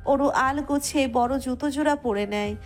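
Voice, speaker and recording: A woman narrator reading a scripted romantic story in expressive literary prose. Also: high voice, normal speed, soft background music.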